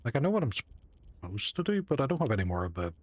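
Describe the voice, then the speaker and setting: A man's voice: medium pitch, very animated, fast, a little mellow, husky, no room sound. A man casually commentating a game playthrough, rambling and talking to himself and his viewers. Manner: chatty, rambling, talks to himself and chat. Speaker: gamer streaming a playthrough.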